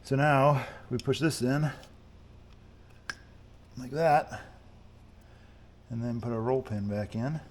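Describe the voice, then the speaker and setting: Speaking slowly with long pauses, a man with a mid-range voice walks viewers through a casual hands-on job. He's a car-mechanic hobbyist running his own channel, thinking out loud and hesitating a little. His voice fades off mic in a noisy room.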